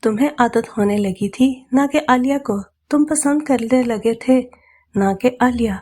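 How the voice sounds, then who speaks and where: A woman's voice: fairly high pitch, dark tone, close to an everyday voice. A woman voicing an earnest young husband in a storybook reading, speaking bluntly and then in pleading prayer.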